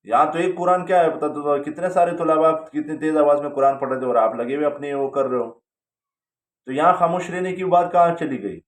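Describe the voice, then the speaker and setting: A man casually telling a personal story, rambling, with frequent hesitations. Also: on the high side. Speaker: storyteller recounting his religious journey. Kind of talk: casual spoken testimony. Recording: roomy, distant from the mic.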